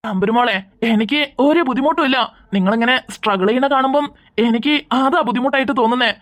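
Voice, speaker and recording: Woman voicing a young cartoon man, high voice, gentle, patient, persuasive. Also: fast, natural voice. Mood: coaxing.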